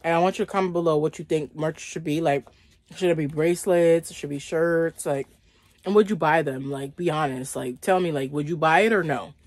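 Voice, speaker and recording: Eating on camera in a small indoor bedroom, this vlogger in her thirties keeps up a relaxed mukbang chat with her audience, sprinkling "like" throughout. She speaks briskly in a low, darkish voice.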